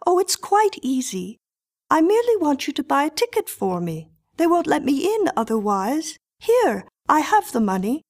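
A woman's voice: high-pitched, big pitch swings, normal speed, voice pushed up. A woman voicing a composed, strangely self-possessed little girl who speaks politely and precisely. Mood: cool.

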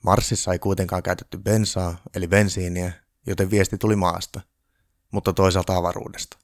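A man reading a humorous Christmas story aloud in a dry, deadpan way. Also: deep voice, no echo.

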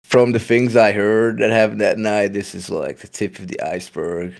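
A man with a very low voice chats casually on a podcast, thinking out loud in a frank, unguarded way. He swears offhandedly and sounds like a young adult. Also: steady tone, normal speed, vocal fry. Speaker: guest co-host.

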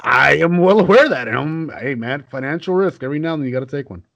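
Animated man with a lively voice. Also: fairly high pitch, fast, vocal fry. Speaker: podcast co-host. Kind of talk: casual podcast banter.

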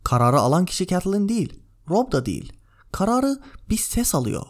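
A man hosting a book review podcast, summarising and analysing a chapter in a measured, enthusiastic way. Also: high-pitched, very animated, a little mellow. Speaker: podcast host. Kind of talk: book review podcast with read-aloud passages.

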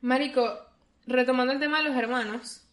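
A woman's voice: sits high, steady tone, a little fast, fairly bright tone. A young woman with a Venezuelan accent co-hosting a podcast in casual, teasing, slang-heavy chat. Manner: teasing, laughing slangy banter. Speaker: podcast co-host.

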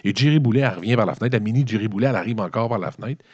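Fast-talking Québécois man recapping a film. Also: fairly low pitch, breathy edge, no room sound. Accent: Québécois French. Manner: swearing, animated, colloquial storytelling. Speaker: comedic movie reviewer. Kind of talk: rambling comedic film recap. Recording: dull, lo-fi dry recording.

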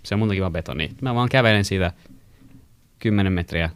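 A young man from Finland casually telling a long story to friends, rambling with many fillers and getting animated when he quotes people. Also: deep voice, clean tone.

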